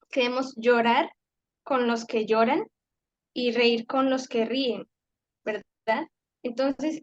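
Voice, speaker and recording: Chatty woman with a high, dull voice. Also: no room sound. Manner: conversational, storytelling, hesitant restarts. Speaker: class participant. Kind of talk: personal reflection in a faith group class.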